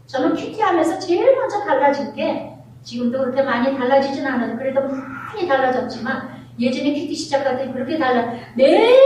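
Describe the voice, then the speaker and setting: A middle-aged woman pastor preaching a sermon, telling family stories with animated, acted-out scenes. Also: high voice, a little hiss or hum. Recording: very echoey hall, voice from far off.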